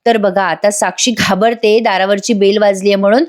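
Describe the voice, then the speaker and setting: A woman's voice: medium pitch, steady tone, normal speed. A woman hosting a voice-over review, recapping a TV serial and chatting to viewers with wry asides. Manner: chatty, addresses viewers, comments wryly.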